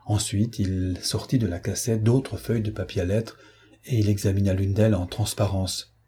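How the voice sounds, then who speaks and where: Very husky male audiobook narrator. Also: fairly low pitch, fairly even intonation, mellow. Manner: measured, dramatic reading. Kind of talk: scripted narration.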